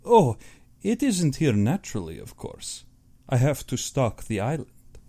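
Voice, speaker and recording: A man's voice: medium pitch, wildly swooping pitch, dark tone, full character voice. A man voicing a suave, courtly aristocratic Russian general, an affable but sinister hunter, in an audiobook. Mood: proud, menacing. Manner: courtly, measured, self-satisfied.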